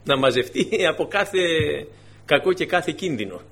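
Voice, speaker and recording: A man preaching a sermon in a conversational, animated way, with sudden emphatic bursts, often addressing his congregation as dear brothers. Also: fairly high pitch, slight background noise.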